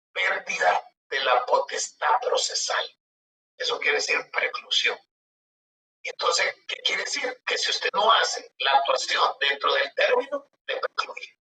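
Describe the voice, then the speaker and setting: A man with a fairly high, pushed, bright voice lectures on law, reading legal articles aloud and explaining them conversationally, often posing rhetorical questions. The mic sits at a distance in a roomy space, and background noise is audible.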